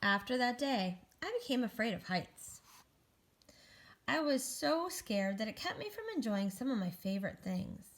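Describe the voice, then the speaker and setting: A woman's voice: a little high, animated, moderate pace. A woman voicing an anxious, wistful egg who narrates its own story earnestly in a children's picture book read-aloud. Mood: rueful, afraid. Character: anxious, wistful egg recovering from a great fall.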